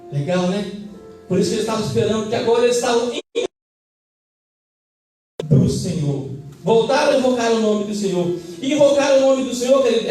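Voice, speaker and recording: A man's voice: very high-pitched, darkish tone. A man with a Brazilian Portuguese accent preaching a fervent sermon and calling for amens from the congregation. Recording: echoey church hall, mic at a distance.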